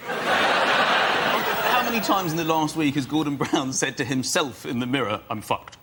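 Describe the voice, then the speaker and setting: A man's voice: fairly high pitch, a little slow, very noisy. A man on a comedy panel, chatting his way through a funny anecdote.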